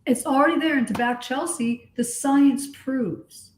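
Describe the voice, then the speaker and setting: A woman's voice: sits high, measured pace, slight background noise. A woman coach in a casual discussion, talking in an earnest, explanatory and emphatic way. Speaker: coach and guest.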